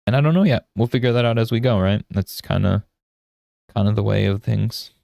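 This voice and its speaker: A man's voice: on the low side, brisk, creaky, warm tone, no echo, studio quality. A man in his thirties giving a casual live art lesson while drawing, rambling into anecdotes and often checking in with "right?". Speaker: art streamer and instructor.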